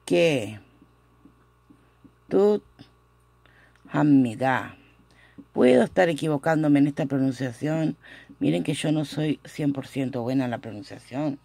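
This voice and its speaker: A woman teaching a language lesson, who repeats each word slowly and corrects her own pronunciation, recorded on a phone. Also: low-pitched, creaky, warm tone, dry recording. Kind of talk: slow, careful language lesson. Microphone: phone camera.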